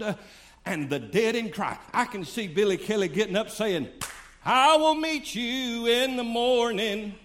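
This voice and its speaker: High-voiced preacher, older man. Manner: fervent, folksy preaching with rising exclamations. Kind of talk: sermon.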